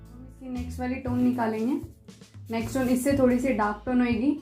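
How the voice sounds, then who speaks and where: A woman art teacher talking through a step-by-step pencil shading tutorial, patient and repetitive, softly guiding the viewer. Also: a little high, little pitch movement. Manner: patient, repeats instructions, soft and unhurried. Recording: echoey room with faint music.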